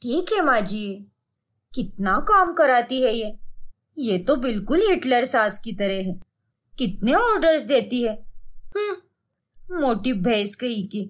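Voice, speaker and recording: Woman doing a sly young bahu in a cartoon, high voice, grumbly and cheeky. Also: very animated, takes it slowly, long pauses, full character voice. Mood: pleading, then grumbling. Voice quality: whiny, sarcastic. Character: cheeky young daughter-in-law, complaining and sly. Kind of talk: cartoon story voice acting.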